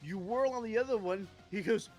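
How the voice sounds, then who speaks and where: Higher-voiced man running a tabletop game. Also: a little fast, a little mellow. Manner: dramatic, vivid storytelling with casual swearing. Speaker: game master. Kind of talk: improvised narration and rulings in a tabletop game. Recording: music in the background.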